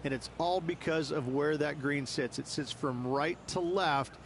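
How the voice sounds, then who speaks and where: A man's voice: fairly high pitch, unhurried, creaky, a little hiss or hum. A man playing an explanatory golf analyst, narrating scripted previews of each hole for a video game. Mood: explanatory, measured. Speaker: golf course guide and analyst.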